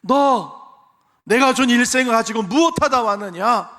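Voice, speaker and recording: A male pastor voicing God as a stern, commanding figure who slowly demands an account of a person's life. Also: very high-pitched, sharp tone, voice pushed up, exaggerated voice. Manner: slow, demanding questions. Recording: long church hall reverb.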